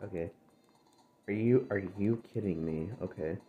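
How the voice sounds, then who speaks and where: Having just gotten up, a man chats over gameplay for his channel in a lowish, dry, gravelly voice at a moderate pace, rambling, drifting and self-correcting. His phone's screen recorder gives the audio a tinny quality with faint noise.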